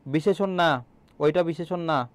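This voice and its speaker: A man's voice: a little high, measured pace, clear, resonant tone, dry recording. A young man teaching an online exam-prep class, quizzing students and repeating key answers, with frequent filler sounds.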